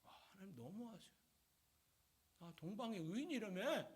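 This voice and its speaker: A man's voice: big pitch swings, moderate pace, slightly rough, heavily acted. A man voicing a suffering man who pleads with God in an indignant, plaintive way. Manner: plaintive, indignant, swinging pitch.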